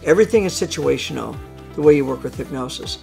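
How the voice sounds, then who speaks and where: A man's voice: on the high side, animated, fast, gravelly, a little mellow, soft background music. A man explaining his craft as a hypnosis trainer in an interview, emphatic and repeating phrases for stress.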